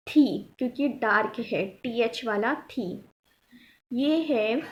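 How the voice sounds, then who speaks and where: A woman teaching shorthand step by step, patiently repeating each point and checking that her students follow. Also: on the high side. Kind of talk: step-by-step tutorial explanation.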